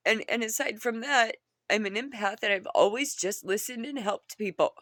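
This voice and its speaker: A woman who sounds upset and tearful, as after crying, talking earnestly and haltingly in a personal confession to viewers, often repeating herself. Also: a little high, a bit bright, no echo, clean studio sound. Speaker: vlogger.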